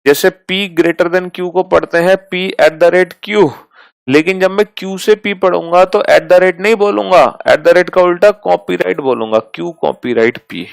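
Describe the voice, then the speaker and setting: Gravelly-voiced male teacher explaining patiently. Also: high voice, dry recording, poor audio. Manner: patient, repeats each step, calls students "beta" and "mere bhai"; reads out terms slowly and deliberately. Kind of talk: classroom math lesson.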